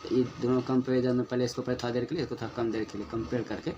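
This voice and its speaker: A male teacher talks through a lesson in an even, mid-pitched voice. He works methodically, poses questions and answers them himself, and draws out example words slowly to show their stress. A faint hiss sits under his speech. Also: dull audio. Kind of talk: spoken lesson on poetic meter.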